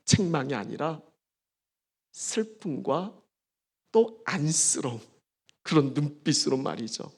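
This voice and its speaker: A man preaching a sermon as pastor, emphatic, with dramatic pauses and swings between soft and loud delivery. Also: on the high side, very animated, creaky, husky. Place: church service.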